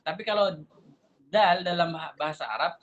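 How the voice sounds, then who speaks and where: A man's voice: sits high, normal speed, fairly bright tone, muffled recording. A man teaching a Quran recitation class, explaining step by step and repeating letter sounds to demonstrate them. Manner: explanatory, asks and answers his own questions. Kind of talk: tajwid lesson.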